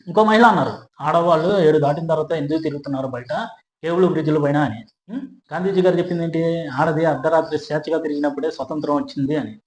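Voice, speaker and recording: Fast, high-voiced man ranting rhetorically. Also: echoey room, rough recording. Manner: rhetorical, keeps asking listeners "hmm?"; emphatic, repeats phrases for stress. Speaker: social media commentator. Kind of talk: opinion commentary to camera.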